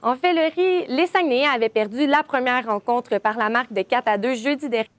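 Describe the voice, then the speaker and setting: A young woman reports on a hockey game for a news show. Her voice is fairly high and the sound is close and dry, with frequent pauses filled by hesitations. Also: dry recording. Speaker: sports reporter.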